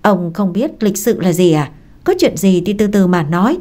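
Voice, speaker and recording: Woman voicing a loud quarrelsome village mother. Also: medium pitch, animated, normal speed, lightly acted. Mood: angry. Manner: shrieking, cursing.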